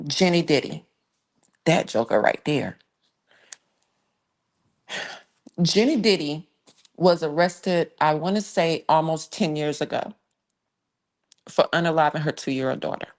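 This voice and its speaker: A woman hosting a live true crime stream, giving blunt, emphatic case commentary in a casual way and stopping to thank viewers. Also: sits low. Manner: blunt, emphatic, conversational with sighs and restarts.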